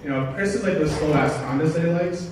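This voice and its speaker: A man giving an informal, humorous best man speech at a wedding, joking along in a halting way and often correcting himself. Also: a little high. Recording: distant, very echoey, noisy room recording.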